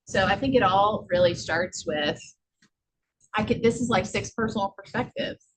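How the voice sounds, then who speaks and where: A woman's voice: mid-range voice, normal speed, poor audio. Lady running an office workshop, kinda rambly, lots of ums, light hiss behind. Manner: loose and rambling, with many fillers. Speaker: workshop presenter. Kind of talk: casual office training talk.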